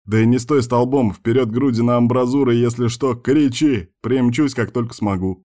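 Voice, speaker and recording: A man's voice: medium pitch, normal speed, dark tone, natural voice. A man voicing a jokey, teasing male friend in an audiobook, brash and laughing as he mocks. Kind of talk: audiobook character voice.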